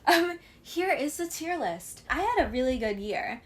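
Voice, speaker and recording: A woman's voice: sits high, sing-song, a little slow, a bit bright. A young woman, chatting casually about books she read, full of fillers, her voice a little sore. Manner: chatty, gushing, many fillers like "like". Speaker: book vlogger. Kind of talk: casual book review chat.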